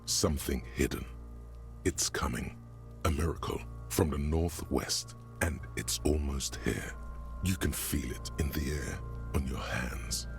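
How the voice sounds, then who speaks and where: An actor playing the narrator of a video game, speaking in a hushed, portentous way. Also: male voice, a bass voice, a little slow, vocal fry, soft background music, full character voice. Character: ominous male game narrator.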